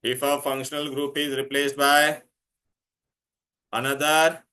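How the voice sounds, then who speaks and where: A man's voice: medium pitch, little pitch movement, unhurried, pushed and bright. A man with an Indian accent teaching a chemistry class, insistently repeating himself, questioning students and mixing Hindi into his English. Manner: mixes Hindi words into English.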